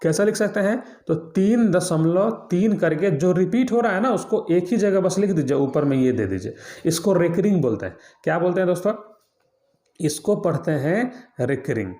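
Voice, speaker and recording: A man explains a maths lesson, repeating key points and quizzing his students as he goes. His voice sits a little high. The room around him is echoey. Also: animated, normal speed, dark tone. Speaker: maths teacher.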